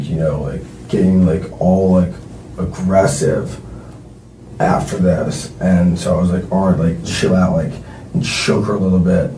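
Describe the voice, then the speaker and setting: A young man under police questioning, talking haltingly and filling nearly every phrase with "like". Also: deep voice, vocal fry, dark tone. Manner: halting, filler-heavy, constantly says like. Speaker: suspect being questioned. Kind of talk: police interrogation. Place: police interview room. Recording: roomy distant recording with faint noise.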